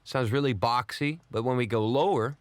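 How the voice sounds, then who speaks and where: A man walks through an audio plugin tutorial, explaining each control in a calm, methodical order with the odd small filler. His voice sits in a middle register. The recording is dry and close, with no room sound. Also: mid-range voice, moderate pace, no room sound. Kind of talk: software walkthrough tutorial.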